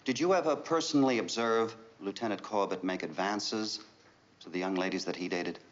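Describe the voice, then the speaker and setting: An actor as a measured, methodical navy prosecutor. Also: male voice, fairly low pitch, slight background noise, natural voice. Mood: probing. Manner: measured, hesitant questioning. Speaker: prosecuting lawyer. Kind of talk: 1970s TV courtroom drama. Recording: dull lo-fi TV soundtrack.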